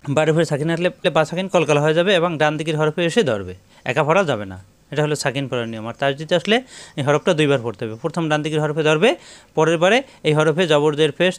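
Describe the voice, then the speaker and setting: A man teaching a recitation lesson step by step, repeating syllable drills and speaking directly to his viewers. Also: on the high side. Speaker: Quran reading teacher.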